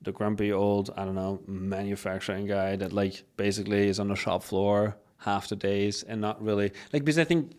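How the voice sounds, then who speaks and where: A man hosting a podcast, asking questions in a relaxed, casual way with lots of short agreeing sounds. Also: lowish voice, a little fast, few pauses. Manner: relaxed, frequent short backchannels, casual swearing. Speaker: podcast host.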